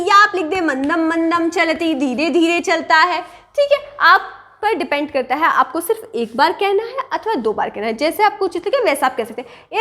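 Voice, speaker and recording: Woman teacher, slow deliberate delivery, walks students through examples with frequent check-ins. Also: extremely high pitch, bright, forceful tone. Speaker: Sanskrit teacher. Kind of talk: online language lesson.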